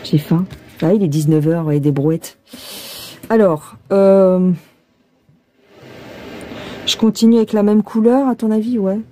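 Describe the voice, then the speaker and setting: A French woman hosts a casual cross-stitch tutorial, filmed on a phone pointed at her hands. She chats and thinks aloud, calling the viewer "tu," in a medium-pitched, dark voice at a measured pace with long pauses. A slight hiss or hum sits under the recording.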